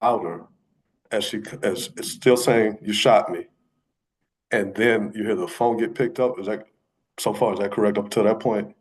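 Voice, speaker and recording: Male attorney, low voice, halting and self-correcting questioning. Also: steady tone, darkish tone, low-quality recording. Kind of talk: courtroom questioning. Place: courtroom.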